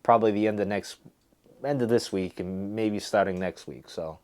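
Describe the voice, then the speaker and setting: A man's voice: fairly low pitch, moderate pace, a little mellow. A man giving a casual, rambling review to viewers, thinking aloud in a hesitant, musing way. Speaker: pipe tobacco reviewer hosting a video.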